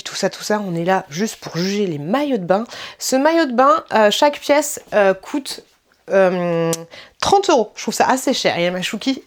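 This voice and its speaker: A woman hosting a casual try-on vlog, chatting in a rambling way with lots of fillers and restarts, and sometimes talking to her child off camera. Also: medium pitch. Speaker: vlogger showing a try-on haul.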